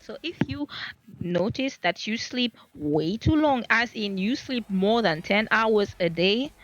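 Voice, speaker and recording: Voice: medium pitch, a bit bright, highs cut off. A streamer in casual gaming chat, rambling to themselves and swearing freely, recorded on a laptop mic. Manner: rambling, self-talking, swears a lot.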